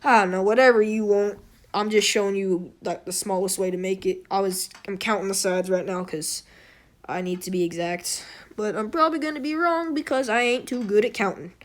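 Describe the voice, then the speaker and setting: Hoarse, slightly wheezy woman rambling casually. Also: medium pitch, brisk. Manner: rambling, self-deprecating, apologetic. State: hoarse throat. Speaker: tutorial host. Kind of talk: casual unscripted game tutorial commentary.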